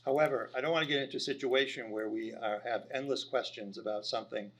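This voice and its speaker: A man's voice: mid-range voice, fairly even intonation, quick pace. A man chairing a city council session in the chamber, firm and formal as he sets procedure.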